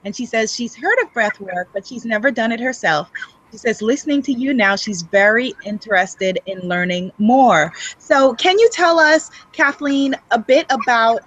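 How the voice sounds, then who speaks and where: A woman's voice: on the high side, normal speed, a bit bright, no echo, rough recording. A woman hosting an online interview, upbeat and affirming as she relays questions. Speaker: interview host.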